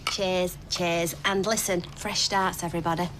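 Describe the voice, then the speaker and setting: A woman's voice: fairly low pitch, flat delivery, moderate pace, close to an everyday voice. An actress playing a chirpy, bossy daughter in a naturalistic TV soap, teasing as she talks. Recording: very noisy room with clicks.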